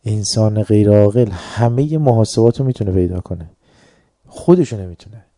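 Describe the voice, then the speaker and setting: A man's voice: on the low side, dark tone, no echo, clean studio sound. A man giving an informal religious talk to an audience, conversational and joking, often mimicking other people's voices. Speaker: religious lecturer.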